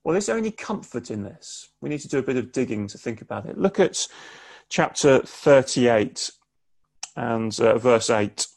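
A man giving a sermon online, speaking in a measured, conversational way with pauses for emphasis. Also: medium pitch, animated, gravelly, darkish tone. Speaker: preacher. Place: home, preaching online.

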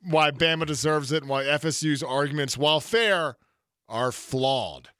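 A man hosting a casual sports podcast, rambling through animated stories. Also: on the high side, a little slow, no room sound, clean studio sound. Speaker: podcast host.

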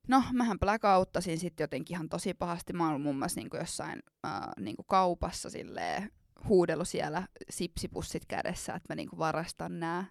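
Casual woman with a gravelly edge. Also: fairly low pitch, no room sound, clean studio sound. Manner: laughs while telling embarrassing stories, many fillers. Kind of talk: casual storytelling chat.

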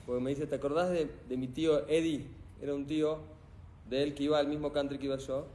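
Without any microphone, a middle-aged motivational speaker addresses a crowded hall in an Argentine Spanish accent, spinning lively stories and repeatedly putting questions to his listeners. He talks fast, in a fairly high-pitched voice.

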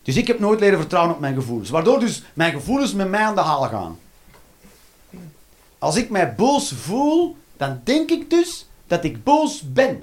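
A man performing a stand-up comedy routine. He swings between loud outbursts and low muttering, and he swears. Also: huge pitch swings, normal speed.

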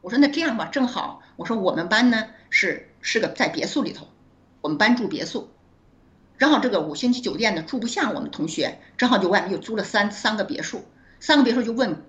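Woman doctor, interview guest; fast, animated storyteller, laughs a lot, dull lo-fi audio. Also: medium pitch. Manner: laughs often, acts out dialogue with quick restarts.

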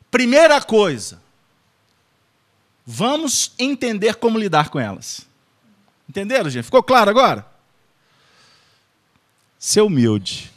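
Lively, playful Brazilian man lecturing. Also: high-pitched. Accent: Brazilian Portuguese. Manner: playful, joking, checks in with the audience. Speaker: spiritist study group presenter. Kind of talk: informal study lecture to an audience.

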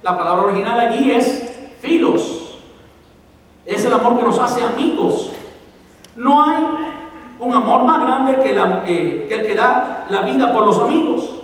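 High-voiced preacher in an echoey hall. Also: male voice, distant mic. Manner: explains points and repeats them for emphasis. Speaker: pastor. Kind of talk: sermon.

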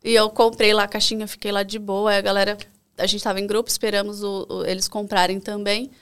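A young woman, a podcast guest, telling a travel story in casual chat, animated and laughing as she acts out what people said. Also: mid-range voice, fast talker, clear, resonant tone.

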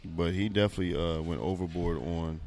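A very deep-voiced man in his thirties hosting a laid-back podcast. He rambles and restarts, breaks into laughter often, and talks loudly and playfully. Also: steady tone, a little fast, noisy background. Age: 30s. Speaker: podcast co-host. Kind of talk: casual chat.

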